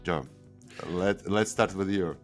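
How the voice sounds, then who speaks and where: A low-voiced man with a Russian accent hosts a podcast, speaking slowly over faint background music. He introduces his guest hesitantly, with lots of fillers and non-native phrasing.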